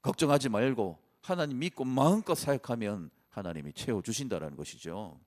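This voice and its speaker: Animated male pastor preaching a sermon. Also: medium pitch, a little fast. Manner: earnest, animated preaching with scripture reading.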